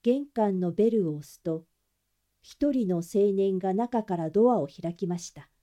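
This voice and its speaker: A woman narrating a classic detective novel in a gentle, even storytelling voice. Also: mid-range voice, measured pace. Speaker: audiobook narrator.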